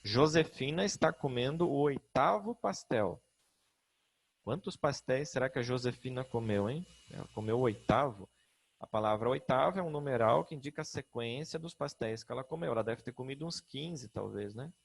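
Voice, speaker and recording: A man's voice: medium pitch, a little fast, gravelly. A middle-aged man with a Brazilian Portuguese accent teaching a grammar lesson, patient, often checking in with his students.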